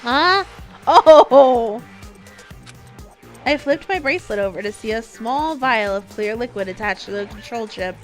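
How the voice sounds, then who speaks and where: A woman's voice: medium pitch, a little fast, hardly any pauses, fairly bright tone, soft background music. A woman reading a visual novel aloud as scripted first-person story narration.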